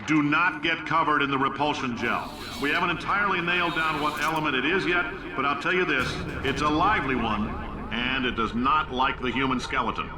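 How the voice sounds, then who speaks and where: A man's voice: on the high side, brisk, over a noisy crowd, natural voice. An actor playing a brash, boastful male company boss who talks through recorded test messages in a game. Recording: game audio in a roomy, distant echo with music under it.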